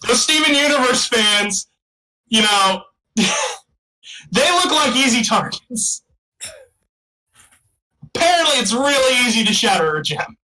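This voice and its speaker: High, bright-voiced man joking around. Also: very animated, takes it slowly, pauses often, rough recording. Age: 30s. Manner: rambling, joking, self-mocking. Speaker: podcast co-host. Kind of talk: casual comedic banter.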